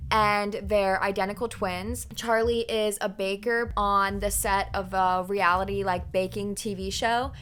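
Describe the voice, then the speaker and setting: A woman's voice: mid-range voice, a bit bright, slight background noise. A young woman chatting casually in a book review, retelling things in an informal, rambling, gossipy way.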